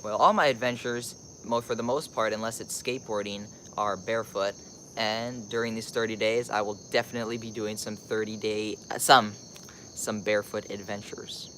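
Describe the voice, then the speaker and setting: Low-voiced teenage guy chatting casually over noise. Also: steady tone, normal speed, fairly bright tone. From Costa Rica. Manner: rambling, thinking aloud, says "like" often. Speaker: vlogger answering live stream questions. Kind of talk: casual live stream chat.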